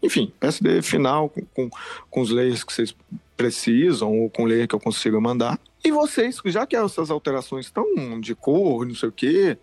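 A Brazilian man chats casually, telling a story with lots of restarts and fillers. His voice sits a little high and jumps up and down with energy, and it carries a gravelly edge. The recording is dry with no room sound. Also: very animated, normal speed, darkish tone, no room sound. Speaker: freelance illustrator. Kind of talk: casual podcast conversation.

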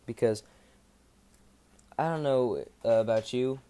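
A man gives a casual devotional podcast talk in a monotone, rambling informally and correcting himself haltingly. His voice is smooth and medium-pitched.

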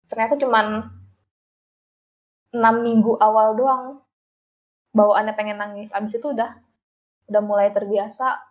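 A woman's voice: medium pitch, fairly even intonation, moderate pace, long pauses, phone-quality sound. A young woman, casually telling her story in slangy talk and laughing often as an interview guest.

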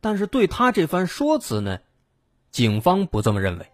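A man's voice: sits high, wildly swooping pitch, normal speed. A man narrating true crime as a dramatic storyteller, building suspense with questions.

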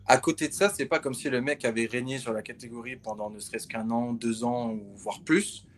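A man's voice: mid-range voice, fairly even intonation, a little fast. A man co-hosting a podcast, leading the conversation in a casual, filler-heavy way. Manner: conversational, leads topics with fillers. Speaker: podcast co-host. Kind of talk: casual chat about boxing.

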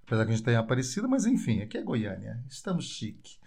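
A man's voice: mid-range voice, huge pitch swings, fast, creaky, darkish tone, breathy edge. A man with a Goiás Brazilian accent hosting a podcast, chatting casually, joking and rambling. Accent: Goiás Brazilian Portuguese. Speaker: podcast host. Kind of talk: casual interview chat.

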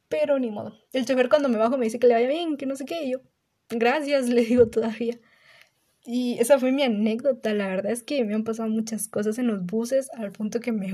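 A woman's voice: on the high side, breathy edge. A young woman hosting a podcast, telling a personal anecdote casually and acting out her own reactions. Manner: animated, acts out her own reactions in quotes. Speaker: podcast host.

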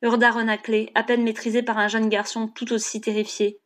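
A woman narrating an audiobook chapter in a steady, measured reading. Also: fairly high pitch.

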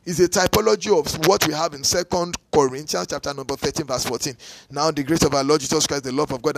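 Gravelly-voiced emphatic male preacher. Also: fairly high pitch, background noise. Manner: emphatic preaching with repetitions and call-and-response "yes" and "aha"; speaks in tongues at times. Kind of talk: podcast sermon.

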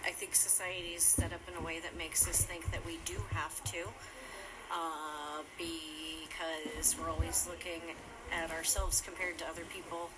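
A woman teacher answers interview questions in a measured, thoughtful way, her pitch sitting a little low. She comes through a low-quality phone recording. Heavy noise hangs over her voice the whole time. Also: little pitch movement.

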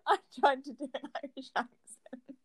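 A woman's voice: high-pitched, very animated, measured pace, fairly bright tone, dry recording. A woman hosting a casual podcast chat, playful and teasing, laughing often. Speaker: podcast host.

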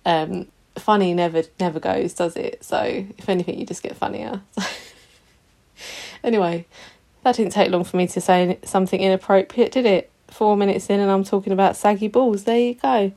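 Her voice is mellow and medium-pitched, steady in tone and delivered at normal speed. She's a thirtysomething British woman running a solo podcast, loose and confessional, self-deprecating, unbothered about swearing and given to frequent giggles.

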